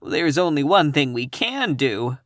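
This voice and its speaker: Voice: mid-range voice, sing-song, a little slow, no room sound, clean studio sound. A reader voicing a cowardly male lion who pleads earnestly in a raised voice.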